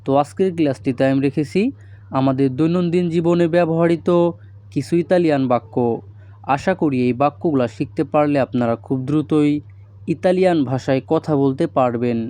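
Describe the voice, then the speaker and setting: Slow, deliberate male language teacher. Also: a little high, dark tone, no room sound. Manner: slow, deliberate delivery, repeating phrases word by word. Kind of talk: recorded language lesson.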